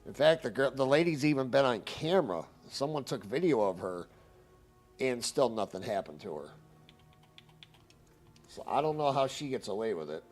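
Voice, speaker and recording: A man's voice: mid-range voice, expressive, normal speed, long pauses, darkish tone, soft background music. A man telling a story on a stream in a casual, heated, profane ranting manner.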